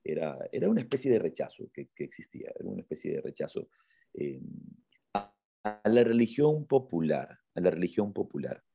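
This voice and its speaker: Guy with a lowish voice retelling a story on a podcast, lots of repeated words, dry dull audio. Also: sing-song, gravelly, slightly rough, no echo. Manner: halting, repeats words, acts out quotes with raised pitch. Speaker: podcast co-host. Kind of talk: casual storytelling chat.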